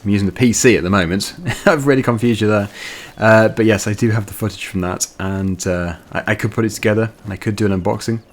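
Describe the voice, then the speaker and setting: A man chats his way through a video game, rambling and laughing easily. His voice sits fairly low. The commentary is relaxed and unscripted. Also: fast, few pauses. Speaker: let's play gamer. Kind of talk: casual gameplay commentary.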